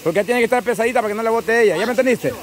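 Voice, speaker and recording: A woman with a Salvadoran accent hosting outdoor party games, cheering players on with quick repeated calls and frequent laughter. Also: on the high side. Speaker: game host. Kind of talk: lively game commentary. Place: outdoors at a lively gathering. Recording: outdoor crowd noise. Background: crowd chatter.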